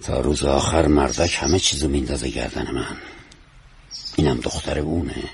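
An actor playing a jovial, guarded older businessman and father in a radio drama, emphatic and quick to deflect. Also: extremely low pitch, creaky, husky, heavily acted. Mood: earnest. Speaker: father character.

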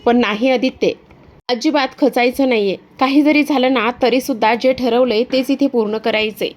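A woman's voice: on the high side, fairly even intonation, normal speed, natural voice. A woman voicing a proud young man who speaks firmly and heatedly in a retold story. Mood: determined. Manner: firm, heated.

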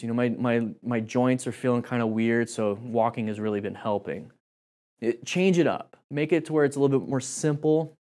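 A man's voice: medium pitch, darkish tone. A man teaching a casual spoken lesson as a motorcycle riding instructor, chatty and rambling, with many fillers and restarts.

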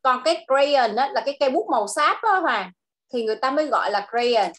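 Vietnamese-accented woman, English tutor on a video call, high bright voice, patient drilling of words. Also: animated. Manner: slow, drawn-out model phrases, switching to Vietnamese explanations. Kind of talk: online English lesson for a child.

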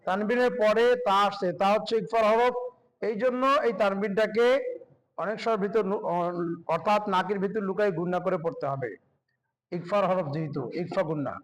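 A man teaching Quran reading, spelling out letters and vowel marks, then chanting the words in long drawn-out tones. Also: high voice, low-quality recording. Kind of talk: spelling-and-recitation lesson.

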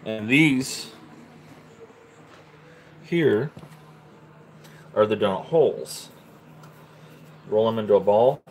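A man's voice: lowish voice, expressive, extremely slow, long pauses, a little hiss or hum, rough recording. Man casually walking viewers through home cooking. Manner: casual, step-by-step, talking to viewers while cooking. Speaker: home cooking channel host. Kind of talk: live cooking demonstration. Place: home kitchen, indoors. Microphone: handheld camera mic, moved around the stove.

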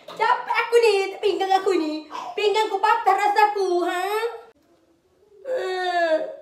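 A woman's voice: extremely high pitch, takes it slowly, pitched above the performer's own voice. A woman voicing an exhausted pregnant mother who scolds her grown daughter in a nagging, sing-song way, in a comic skit. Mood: scolding. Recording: echoey room.

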